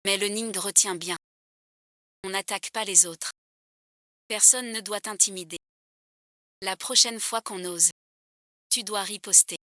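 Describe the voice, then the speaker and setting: A woman's voice: medium pitch, fairly even intonation, a little slow, pauses often, bright, forceful tone, no room sound, studio quality. A woman voicing a protective young mother in a dubbed drama, speaking in a firm, direct way.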